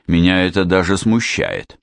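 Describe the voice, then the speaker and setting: A man's voice: low voice, huge pitch swings, moderate pace, vocal fry, no room sound, exaggerated voice. A man doing a dry, ironic police inspector. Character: weary, dry-witted male police inspector.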